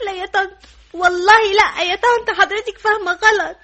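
A woman's voice: extremely high pitch, steady tone, a little fast, bright, forceful tone. An actress playing an emotional young woman who pleads tearfully, in an Egyptian accent, in a radio drama. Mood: tearful pleading. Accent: Egyptian Arabic.

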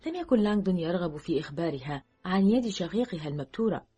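A woman narrating an audiobook in a measured, steady storytelling manner. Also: fairly low pitch, slightly rough, soft background music.

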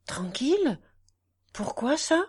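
A woman's voice: high-pitched, big pitch swings, takes it slowly, voice pushed up, heavily acted. A woman reading the part of an anxious young married noblewoman who speaks curtly, with tense hesitation. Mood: urgent.

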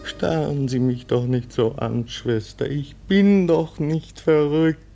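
A man's voice: on the high side, creaky, warm tone, soft background music. An actor in a radio play voicing a man in his thirties, anxious and pleading that he is not mad. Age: 30s. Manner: urgent, pleading, rushing. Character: anxious male driver, 36, fearing madness.

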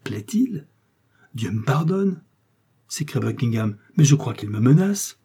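A man's voice: mid-range voice, very animated, normal speed, vocal fry, dark tone, husky, exaggerated voice. A man reading aloud voices a haughty English duke in an audiobook, exclaiming in indignant outrage.

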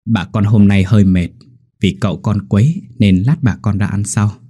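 A man voices a vengeful young servant in an audio ghost story, cold and sneering as he taunts. The voice is low, dark and husky. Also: steady tone, normal speed. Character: cold, mocking young male servant bent on revenge.

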